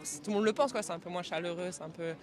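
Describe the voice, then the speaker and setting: A woman's voice: fairly low pitch, racing, crowd noise. A woman from Reims chatting casually in a street interview, hesitating and trailing off at the ends of sentences. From Reims, France. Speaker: interviewee, local visitor.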